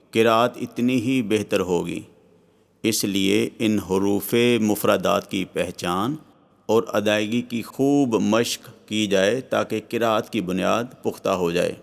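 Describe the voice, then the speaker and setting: A man with a Pakistani Urdu accent narrating a scripted lesson on Quran reading, drawing out each Arabic letter slowly and evenly. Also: on the low side, creaky. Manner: slow drawn-out recitation of Arabic letters.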